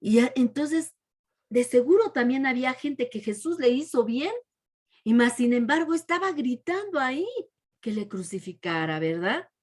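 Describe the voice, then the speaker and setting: A woman teaching a children's Bible lesson, retelling the story and ending almost every phrase with a soft, falling question tag, with frequent restarts. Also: sits high, animated, normal speed.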